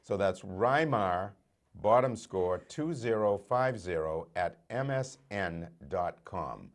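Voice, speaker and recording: Animated low-pitched man co-hosting. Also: slow. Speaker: program co-host. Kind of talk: casual presenting and chat.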